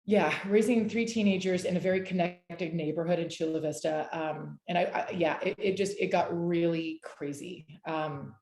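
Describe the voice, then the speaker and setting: A woman in her forties with a lowish, mellow voice leads a casual discussion over a video call. She talks earnestly and rambles, with frequent restarts and soft affirmations. Her voice comes through an echoey room. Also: normal speed, hardly any pauses. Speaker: discussion leader.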